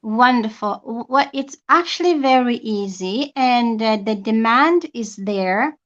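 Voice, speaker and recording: A woman's voice: a little high, animated, unhurried. Brief: woman from Tanzania, guest, chatty and plain-spoken, slightly muffled remote line. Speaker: guest, healthcare assistant. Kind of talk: casual interview.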